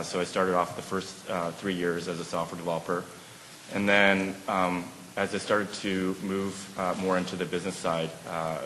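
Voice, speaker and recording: A man in his thirties from Vancouver, answering as a panelist in a measured way with frequent fillers. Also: low-pitched, fairly bright tone, a little hiss or hum. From Vancouver, Canada. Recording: echoey hall, faint ambience.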